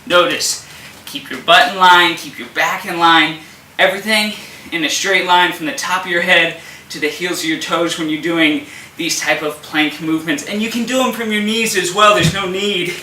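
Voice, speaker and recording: Bright-voiced man coaching core exercises. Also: high-pitched, moderate pace, a little hiss or hum. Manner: instructive, upbeat, strained while exercising. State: effortful, straining. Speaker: fitness instructor. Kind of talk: exercise demonstration. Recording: echoey room from a distance.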